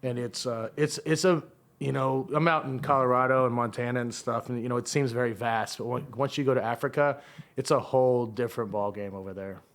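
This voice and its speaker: A man hosting an interview, relaxed and conversational, with short back-channel replies. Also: mid-range voice, a little fast. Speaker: podcast host. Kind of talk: casual interview chat.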